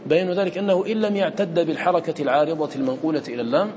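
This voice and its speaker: A man teaches a class on Quran recitation in a fairly high voice. He keeps asking his students questions and then answers them himself, now and then chanting verses in a melodic style. A faint hiss of noise sits behind the recording. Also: racing, a little mellow. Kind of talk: classroom lesson explaining a poem on recitation.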